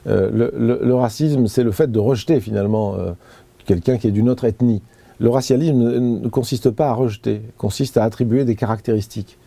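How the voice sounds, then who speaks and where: Gravelly dark-voiced man explaining earnestly. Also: mid-range voice, a little fast, dry recording. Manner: earnest, explaining with frequent hesitations and restarts. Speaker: interview guest. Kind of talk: personal account in an interview.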